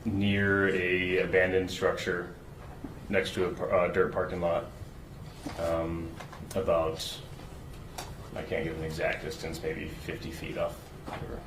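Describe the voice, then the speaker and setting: A man testifying as a search and rescue witness, answering questions haltingly with fillers, played from a courtroom recording. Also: low-pitched, completely flat delivery. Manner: halting, with many fillers and restarts. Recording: roomy courtroom recording with background noise.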